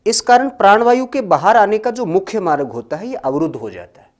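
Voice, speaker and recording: A man teaching a grammar lesson, slowly dictating notes and repeating each phrase for students to copy, then explaining more loudly. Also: high voice, lively intonation. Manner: swings between loud explaining and quiet dictating.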